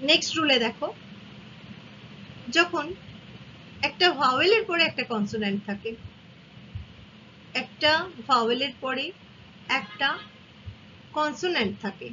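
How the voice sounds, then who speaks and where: A woman's voice: high voice, expressive, a little slow, long pauses, bright, forceful tone. A woman teaching English grammar, patiently explaining spelling rules and spelling words out letter by letter, with a slightly dull, faintly hissy recording. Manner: patient, repeats and spells out each example.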